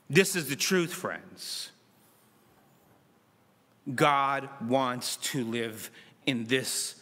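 A middle-aged man preaching a sermon from a church pulpit, acting out dialogue with dramatic swings between loud and soft. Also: medium pitch. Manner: dramatic, voices God and Moses in lively asides. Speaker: pastor. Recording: long church reverb.

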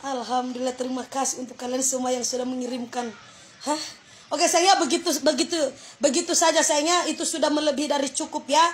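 A high-pitched woman with a Manado Indonesian accent chats into her phone on a livestream. She is effusive and exclaiming, thanking viewers one after another. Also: fairly even intonation, fast, slight background noise. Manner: effusive, exclaiming, breaks into laughter. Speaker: livestream host. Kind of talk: casual livestream chat thanking viewers for gifts.

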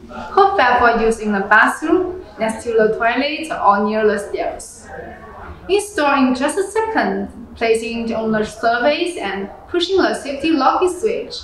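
A fairly high-voiced young woman reads aloud a scripted product review, a bit slow, plain and even, her wording showing non-native phrasing. The small indoor room is very echoey, and music plays underneath.

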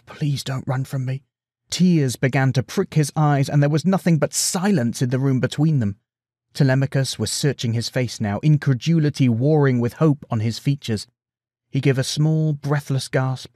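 A man narrating a bedtime story retelling in a measured, expressive way. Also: mid-range voice, dry recording, studio quality.

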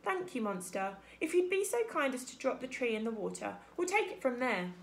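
Woman acting a bossy, animated beaver wife. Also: a little high, creaky, slight background noise. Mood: gracious. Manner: brisk, scolding, no-nonsense.

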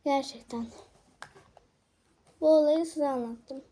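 A woman's voice: high-pitched, takes it slowly, mellow. A young girl telling a rambling, agitated story about neighborhood kids in a casual vlog. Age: child. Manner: agitated, rambling with many restarts. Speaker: vlogger.

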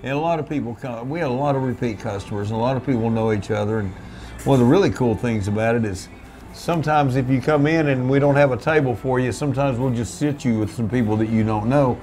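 Rambling folksy older restaurant owner. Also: male voice, medium pitch, quick pace, a little mellow, a little hiss or hum. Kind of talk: relaxed storytelling interview. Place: small restaurant back room, indoors. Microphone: seated at a table, camera in front.

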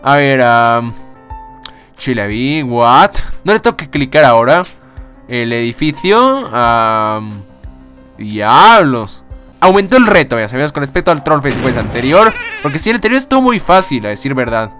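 Excitable young gamer, lively pitch. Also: male voice, unhurried, soft background music. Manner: excitable, swears, laughs often. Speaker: gaming YouTuber. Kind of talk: casual let's-play commentary.

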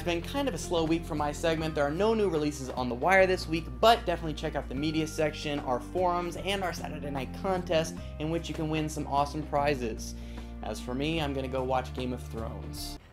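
A man in his twenties hosting a casual web news show in a rambling, joking way. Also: a little high. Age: 20s. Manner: rambling, jokey. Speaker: show host. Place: indoors, facing camera, music behind.

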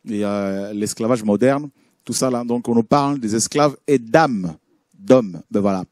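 Male preacher, low and dark-toned, halting with fillers while he comments and reads scripture. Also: no room sound, studio quality. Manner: hesitant, many fillers and restarts. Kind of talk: sermon with Bible reading and commentary on images.

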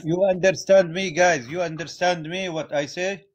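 A young man from North Syria, appealing to livestream viewers in simple, halting English, recorded on a phone at home during a video call. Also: high voice, fairly even intonation, dull audio, noisy background. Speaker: livestreamer asking viewers for support. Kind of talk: live-stream appeal in broken English. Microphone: phone in a live video call.

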